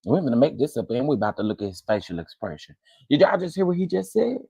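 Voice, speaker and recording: A man giving loud, scolding reaction commentary straight to viewers. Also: medium pitch, very animated, quick pace, creaky, husky, no room sound, rough recording.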